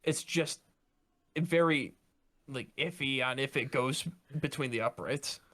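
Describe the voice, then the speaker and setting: A man's voice: medium pitch, a little slow, fairly bright tone. A young man co-hosting a podcast, chatting casually about football with many fillers and restarts. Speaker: podcast co-host. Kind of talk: casual sports chat.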